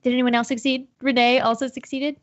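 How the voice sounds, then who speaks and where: A woman's voice: high-pitched, level tone, brisk, no room sound, dull audio. A woman running a tabletop horror game as game master, describing scenes with frequent ums and restarts.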